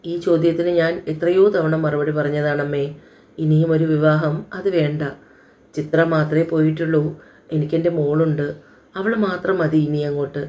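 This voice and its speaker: A woman voicing a gentle young widowed father who answers his mother in a patient, quietly firm way, in an audio storybook. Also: fairly high pitch, level tone, normal speed, lightly acted. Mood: earnest.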